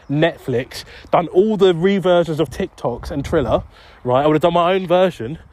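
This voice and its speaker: A man's voice: a little high, darkish tone. Young man, casual podcast host recorded outdoors on a walk, meandering and self-mocking. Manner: rambling, self-deprecating, easily distracted. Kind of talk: casual solo podcast monologue while walking. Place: outdoors on a street.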